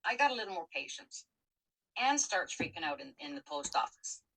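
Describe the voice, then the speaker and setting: A woman's voice: low-pitched, very animated, brisk, fairly bright tone, slightly rough, low-quality recording. A middle-aged woman telling a personal story in a candid, emotional, casual chat. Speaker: co-host.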